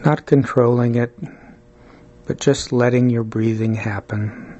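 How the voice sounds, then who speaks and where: A man leading a guided body-scan meditation, speaking calmly and soothingly, with long pauses between short phrases. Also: medium pitch, muffled recording, a little hiss or hum.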